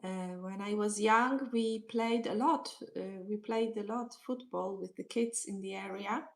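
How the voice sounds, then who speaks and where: A middle-aged woman with a Swiss German accent, teaching on a live stream, slowly repeating questions to her viewers and switching into English. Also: medium pitch. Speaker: language teacher.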